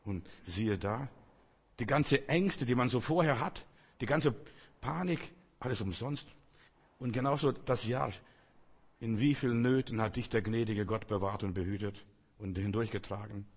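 A man's voice: mid-range voice, normal speed, husky. A man preaching a sermon, speaking emphatically with repeated phrases and rhetorical questions addressed straight to his listeners.

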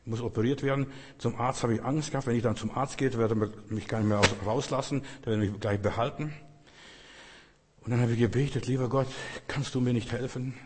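A man's voice: medium pitch, fairly even intonation, a little fast, a little hiss or hum. A man preaching a sermon in an earnest, repetitive way, speaking directly to his listeners. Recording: long echo of a large hall.

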